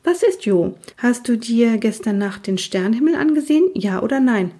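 A woman voicing a quirky, cheerful female teacher from Scotland who speaks playfully and mysteriously, with slow dramatic pauses and a breathy voice. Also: a little high, animated, dark tone, voice pushed up.

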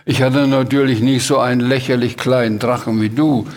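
A man's voice: mid-range voice, steady tone, normal speed, a little mellow, close to an everyday voice. A man doing a cheeky boastful little Sams. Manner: boastful, bossy.

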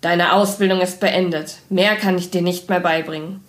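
A weary, kindly man in a storybook, speaking in a low, hushed way, as a woman reads him aloud. He sounds gentle and a little guilty. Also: fairly even intonation, normal speed, echoey room, close to an everyday voice. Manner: soft, low, sighing. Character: kindly, weary male ex-lab boss, gentle.

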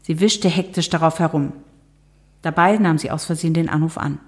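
Middle-aged woman author, a bit low-pitched, calm and wry, reading aloud and being interviewed. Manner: measured, lightly humorous, some hesitations. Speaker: author and TV journalist. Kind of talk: reading her novel, then casual interview talk.

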